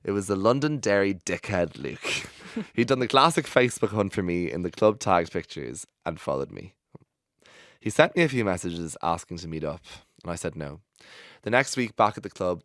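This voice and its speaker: A low-pitched man reads a personal story aloud as a podcast host. His delivery is expressive, often breaking into laughter. The studio sound is close and dry. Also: no room sound. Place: recording studio.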